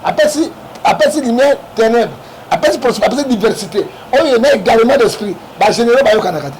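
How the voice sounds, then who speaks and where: A man's voice: very high voice, animated, a little fast, darkish tone. A Congolese man, a guest in an interview, talking politics with force in a Congolese French accent, often checking in with "hein?". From Democratic Republic of the Congo. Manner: emphatic, keeps asking "hein?" to prod the listener. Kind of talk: animated political talk. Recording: noisy background.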